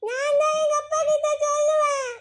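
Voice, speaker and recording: A defiant little schoolgirl in a puppet-show cartoon, wailing in a very high, whiny, sing-song voice. She stretches out her words and yells stubborn threats. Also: level tone, normal speed.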